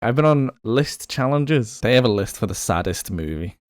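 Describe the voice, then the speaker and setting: This podcast co-host has a medium-pitched, lively voice and talks at a normal speed. He makes playful guesses aloud in a casual chat, hesitating a lot. The recording is clean studio sound with no room echo.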